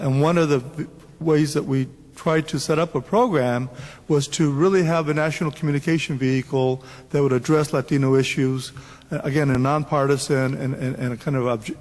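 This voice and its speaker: A man moderating a symposium panel and putting questions to the panelists in a measured way. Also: on the high side, darkish tone. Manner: measured, with a few restarts. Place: conference hall. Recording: long reverb of a large hall.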